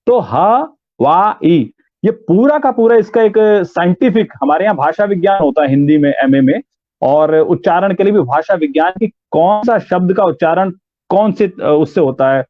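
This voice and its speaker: Over a dry, tinny line that sounds like a phone, a man with a slightly high voice discusses voice training and demonstrates sounds aloud. He is a voice and theatre artist from Uttarakhand, India, speaking in an interview.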